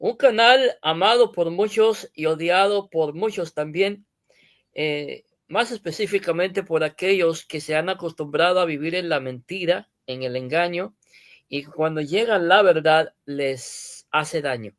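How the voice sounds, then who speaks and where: A man's voice: a little high, no room sound, clean studio sound. A male pastor hosting a live stream, introducing his guest with frequent fillers. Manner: slow, filler-heavy, often says "este". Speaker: pastor and host. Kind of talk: live-stream religious talk.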